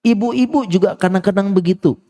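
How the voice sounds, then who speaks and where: Middle-aged male preacher, mellow tone, animated storytelling sermon. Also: sits high, fairly quick. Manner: lively, acts out little dialogues. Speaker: Islamic preacher.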